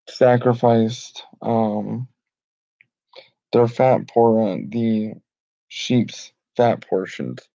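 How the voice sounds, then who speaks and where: A man reading and explaining Bible verses in an informal, halting way with many fillers and restarts. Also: medium pitch, gravelly, dark tone, no echo. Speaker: Bible study teacher. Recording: dull lo-fi home recording.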